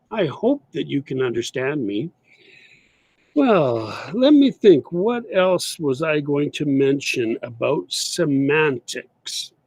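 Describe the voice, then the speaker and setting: A man with a Canadian English accent teaching an English lesson, slowly and deliberately, repeating his example phrases. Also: a little high, a little mellow, slightly rough, dry recording. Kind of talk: explaining English usage in an online lesson.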